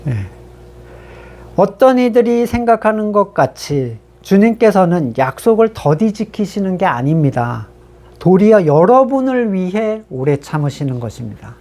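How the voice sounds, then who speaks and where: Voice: mid-range voice, very animated, measured pace, dark tone. A pastor giving a sermon in a conversational way, reading scripture passages aloud and then explaining them with rhetorical questions to the congregation.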